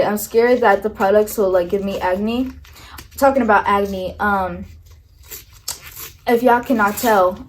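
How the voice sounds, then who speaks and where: A young beauty vlogger talks through a makeup tutorial in a casual, nervous way, her speech full of likes and ums. Her voice is medium-pitched with a darkish tone, and the recording is rough.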